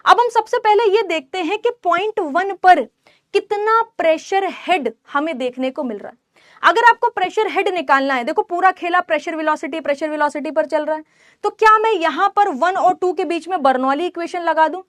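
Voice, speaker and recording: A woman teaching an engineering class in a high voice, close and dry with no room sound. She poses questions to the students and answers them herself, and now and then teases them. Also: moderate pace, fairly bright tone, no echo. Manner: teasing scolding asides to students. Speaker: engineering lecturer. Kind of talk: classroom lecture mixing Hindi and English terms.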